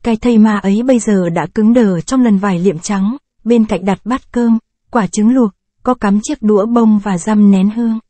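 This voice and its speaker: Lady reading a short story out loud, warm mellow voice, dry close sound. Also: medium pitch, dry recording. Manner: measured, expressive storytelling. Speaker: narrator.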